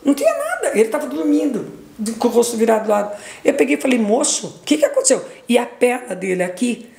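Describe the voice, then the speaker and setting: A middle-aged woman with a Brazilian accent, her voice a touch higher than most and full of gravelly fry. She gives a heartfelt faith testimony, acting out the voices of the people in her story and circling back over her words. The room around her is echoey. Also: fast talker, warm tone. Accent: Brazilian Portuguese. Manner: retells events with lots of quoted dialogue, repeats herself. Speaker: podcast guest.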